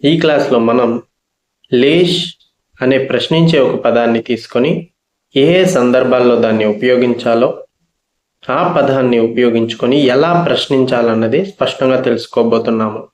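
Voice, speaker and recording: A man's voice: medium pitch, fairly even intonation, moderate pace, darkish tone, echoey room. A man teaching a spoken language lesson, patiently repeating each phrase and its meaning.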